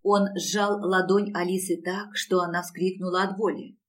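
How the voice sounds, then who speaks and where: A woman narrating an audiobook in a steady storytelling manner. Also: fairly low pitch, normal speed. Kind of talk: scripted narration.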